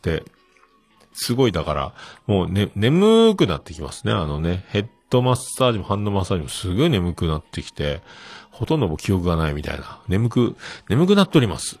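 Middle-aged male host, low husky voice, lively swings in pitch, rambling with fillers. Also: fast talker, dry recording. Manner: rambling, full of fillers, chuckling at himself. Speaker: show host. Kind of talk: casual solo talk.

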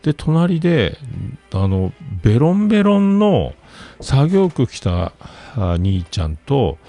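A man's voice: medium pitch, very animated, slow pace, warm tone, faint music behind. A man telling a rambling story in casual chat, with many fillers and asides.

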